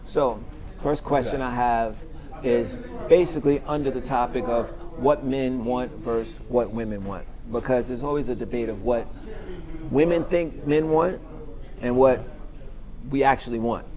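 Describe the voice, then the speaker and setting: A man in his forties hosting a casual panel chat, steady and organized, often repeating a word as he starts a sentence. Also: medium pitch, normal speed, crowd noise, low-quality recording. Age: 40s. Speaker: podcast host.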